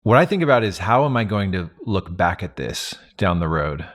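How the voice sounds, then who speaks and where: A man's voice: sits low, very animated, normal speed, a bit bright. A man talking in a casual roundtable, telling reflective stories with many fillers and restarts. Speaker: podcast host and advantage player.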